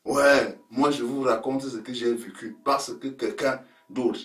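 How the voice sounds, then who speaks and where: Man, comic storyteller, mid pitch, distant mic in an echoey room. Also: a little slow. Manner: lively, slangy, punchy asides to listeners. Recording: roomy sound from a distant mic.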